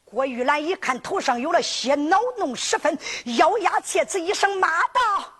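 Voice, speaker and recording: High-voiced Henan woman storyteller. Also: moderate pace. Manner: lively sing-song narration. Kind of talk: sung folk storytelling.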